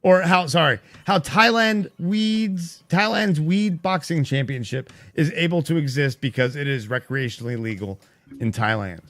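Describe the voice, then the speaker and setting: A man co-hosting a casual podcast chat, excitable and quick to exclaim. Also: on the high side. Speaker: podcast co-host.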